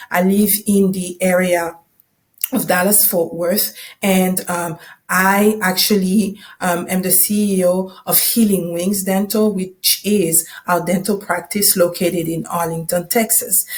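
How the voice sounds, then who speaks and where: A woman from the Democratic Republic of the Congo, whose first language isn't English, hosts a podcast and tells listeners a personal story in English. Her fairly low, slightly mellow voice stays conversational, often checking in with "right?" and "you know" as she goes.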